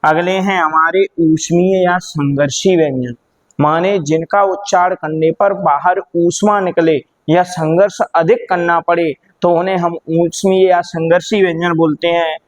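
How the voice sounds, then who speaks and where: A man's voice: fairly high pitch, fairly even intonation, measured pace. A man teaching Hindi grammar, sounding out letters one by one and asking questions he then answers himself, addressing students as children. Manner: drills sounds aloud, asks and answers own questions, calls listeners "beta". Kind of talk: classroom lesson.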